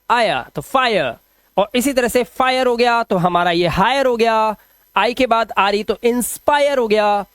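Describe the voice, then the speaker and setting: A man's voice: high voice, no echo, clean studio sound. A male English pronunciation teacher giving a video lesson, stretching out example words and repeating each sound, asking his viewers questions and answering them himself. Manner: addresses viewers directly, asks and answers own questions. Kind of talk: classroom-style video lesson.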